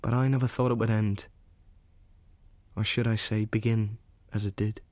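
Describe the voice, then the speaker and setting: An actor giving a gentle, earnest reading as a young soldier writing love letters to his sweetheart from the front. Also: lowish voice, level tone, moderate pace, no room sound, lightly acted. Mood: tender. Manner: earnest, gentle, softly intimate.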